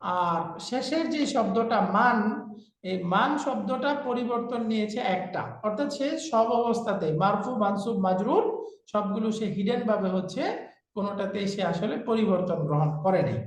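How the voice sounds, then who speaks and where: A man's voice: high voice, normal speed. Patient male teacher in an echoey room. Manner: patient, repeats terms for students to echo. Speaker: Arabic grammar teacher. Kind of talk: online class lecture.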